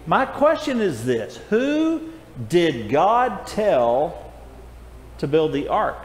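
A man's voice: high voice, sing-song, extremely slow. An older man teaching a children's Bible class, friendly and coaxing as he calls on the kids by name, in a church auditorium recorded from a far camera. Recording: echoey hall from afar with faint noise.

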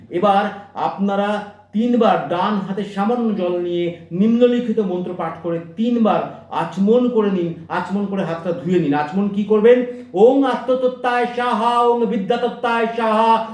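A man with a Bengali accent, an astrologer teaching a home worship ritual, who gives quick instructions and chants the mantras slowly. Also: high voice, warm tone, roomy sound.

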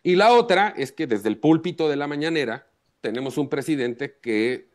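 A man, a journalist guest on a live talk show, giving measured and emphatic analysis. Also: a little high, expressive.

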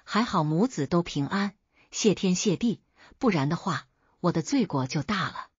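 A woman's voice: lowish voice, expressive, normal speed, husky, dry recording, muffled recording. A woman voicing an old village midwife speaking with relief and thanks, in a storybook reading. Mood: relieved.

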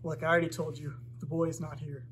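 A man's voice: fairly high pitch, flat delivery, fast talker, a bit bright, a little hiss or hum, close to an everyday voice. A young man playing a weary orphanage director. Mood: defensive. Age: young adult. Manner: explains at length, pleading defensively. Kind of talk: amateur fan film acting. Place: indoor meeting hall.

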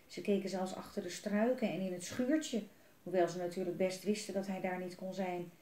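A woman reading a children's book aloud in a gentle, expressive way, adding asides for young listeners. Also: fairly low pitch, normal speed. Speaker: storyteller. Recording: roomy echo.

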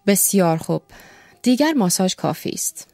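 A woman reading an audiobook, voicing a calm, measured male doctor in her own dry voice. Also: medium pitch, dry recording, faint music behind, close to an everyday voice.

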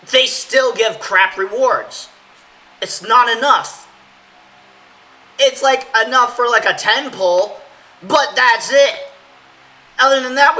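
A man with a hoarse voice giving casual, rambling, opinionated gaming commentary as channel host. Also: sits high, sharp tone, low-quality recording. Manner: rambling, filler-heavy, opinionated. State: hoarse from yelling.

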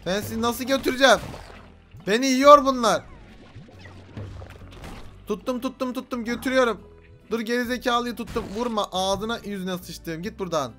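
Young man, very high voice, frantic gameplay commentary, faint game music behind. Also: normal speed, long pauses. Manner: frantic, yelling and swearing at creatures. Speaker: gaming YouTuber. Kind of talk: excited let's-play commentary.

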